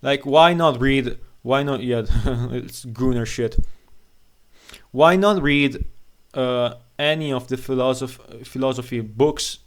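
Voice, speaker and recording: A video commentator with a mid-range voice goes on an unscripted, opinionated rant. He is blunt, scornful and profane, and his delivery halts and stammers.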